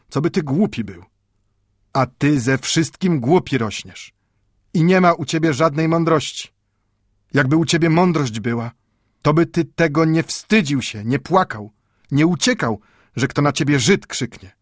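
Man doing an old bookbinder grandfather, Yiddish-inflected, raised and insistent, husky voice, storybook reading. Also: on the high side, dry recording, clean studio sound, voice pushed up, exaggerated voice. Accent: Yiddish-inflected Polish. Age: over 60. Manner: emphatic, repetitive scolding with drawn-out exclamations. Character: old male bookbinder grandfather, stern yet tender.

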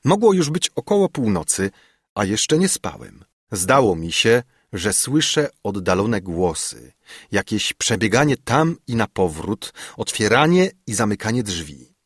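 A man with a lowish, husky voice narrating a literary audiobook in an expressive, dramatic way. His pitch moves widely, and the recording is close and dry with no room sound. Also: measured pace, no room sound. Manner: expressive, dramatic first-person reading.

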